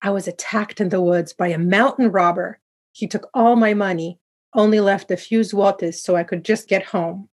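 A woman's voice: mid-range voice, steady tone, normal speed, darkish tone, husky, close to an everyday voice. A woman voicing an old male farmer and father, speaking in a trembling, fearful way. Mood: rueful.

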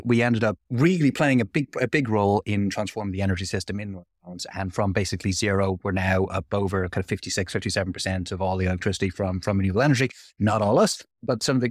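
A man answering interview questions about his energy business, quick and repeating words as he explains. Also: on the low side, dry recording, clean studio sound. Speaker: podcast guest, renewable energy developer.

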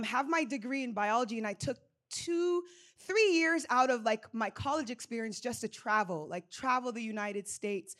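A young adult woman from Jamaica, a church elder, sharing her testimony in a relaxed, conversational way with frequent fillers. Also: fairly high pitch. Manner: conversational, rocking back and forth, frequent fillers. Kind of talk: sermon testimony. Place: church service.

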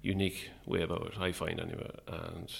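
Male, Irish midlands accent, very low gravelly voice, hesitant, low-key, casual interview chat. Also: flat delivery, a little fast. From Longford, Irish midlands. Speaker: interview guest, playwright.

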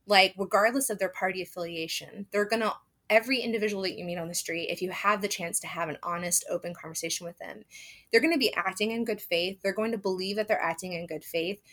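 A woman guest talking earnestly and quickly about politics, with many fillers such as like and you know. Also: mid-range voice, a bit bright. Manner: earnest, rapid, filler-heavy. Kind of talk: casual political discussion.

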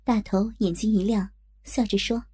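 Husky, dark-toned female storyteller. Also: medium pitch, fairly even intonation, moderate pace. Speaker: narrator. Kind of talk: first-person erotic story narration.

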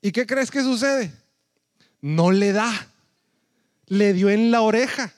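Pastor guy, kinda high voice, telling stories in his sermon, dry sound. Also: takes it slowly, no echo. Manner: conversational storytelling, often checks in with the listeners.

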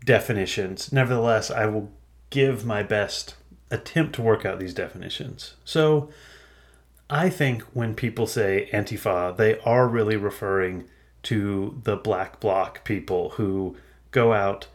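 Lively lower-voiced male podcast host. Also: a little slow. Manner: conversational, animated, laughs mid-sentence. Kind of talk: unscripted listener Q&A monologue.

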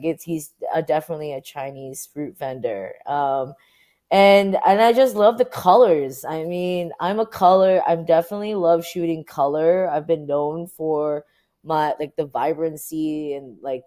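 In this interview clip, a woman photographer from Orange County in the United States talks informally at a normal pace. Her voice is low-pitched and dark, and she works through her thoughts out loud.

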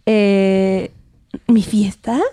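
A woman's voice: medium pitch, flat delivery, very slow, warm tone, smooth. A young woman with a Mexican accent, telling a story in casual podcast chat, acting out quotes and laughing often.

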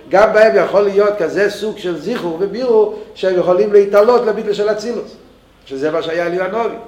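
High-voiced man teaching in an echoey room. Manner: thinks aloud with many restarts. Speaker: Torah teacher.

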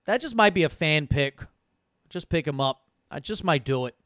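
A man's voice: a little high, expressive, moderate pace, fairly bright tone, no echo, studio quality. A young man thinking aloud while drafting for fantasy football, casual and profane, arguing with himself over picks. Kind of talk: casual live draft commentary.

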